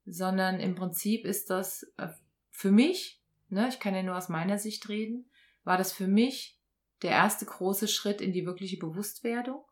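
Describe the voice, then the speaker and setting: A woman as an interview guest, telling a personal story in conversation with lively acted-out dialogue. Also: mid-range voice, unhurried. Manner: animated, acts out quoted dialogue.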